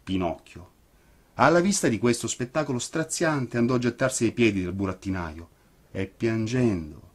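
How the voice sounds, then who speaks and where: A man, an actor, reading a children's story aloud in an expressive, theatrical way. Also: medium pitch, normal speed, husky. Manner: theatrical, animated.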